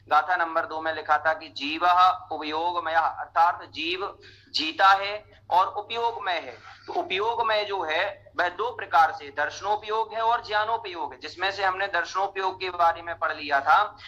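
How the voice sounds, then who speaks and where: A young man teaching a scripture class, explaining slowly and chanting verses line by line for students to repeat. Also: fairly high pitch, fairly even intonation, pushed and bright, low-quality recording. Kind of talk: scripture lesson with chanted recitation.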